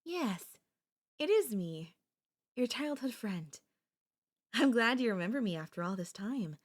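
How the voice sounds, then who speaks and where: In an ASMR audio roleplay, a young woman plays a possessive, obsessive childhood friend who has kidnapped someone. Her voice is a little high and very animated yet unhurried, soft, intimate and pleading, with a wistful, hurt mood.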